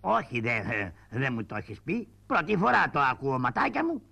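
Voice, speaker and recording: A man voicing a fussy, fearful male town crier puppet in a shadow-puppet play, calling out in drawn-out sing-song. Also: mid-range voice, big pitch swings, gravelly, pushed and bright, breathy edge, full character voice. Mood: fretful. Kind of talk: shadow-puppet theatre acting.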